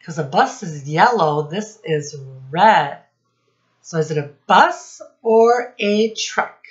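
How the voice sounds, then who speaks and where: A low-voiced American woman, teacher and read-aloud host, gives young children an expressive storytime lesson at a slow pace from her home office classroom. Her approach is instructive, full of questions and direct address, and the audio is muffled.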